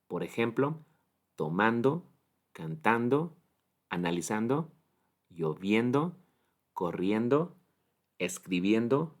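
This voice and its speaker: Man, English teacher, low voice, very slow, deliberate explanations. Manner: slow, deliberate, spells out letters and models English words. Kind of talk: grammar lesson explanation.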